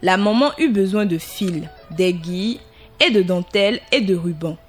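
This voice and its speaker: A woman narrating a fairy tale aloud in a calm, deliberate storybook reading. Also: fairly low pitch, music in the background.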